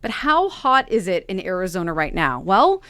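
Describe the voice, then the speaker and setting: A female morning radio co-host with a mid-pitched voice, reading news in a conversational way and walking through the figures. The sound is dry and close on a studio mic. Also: sing-song, normal speed, sharp tone, clean tone, no room sound. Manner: conversational, explains numbers. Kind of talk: reading news stories on air.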